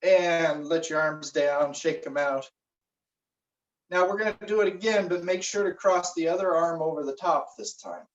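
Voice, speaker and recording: A man leading a guided meditation and warm-up stretches, giving slow, relaxed instructions with frequent fillers. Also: on the high side. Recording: roomy, distant, dull recording.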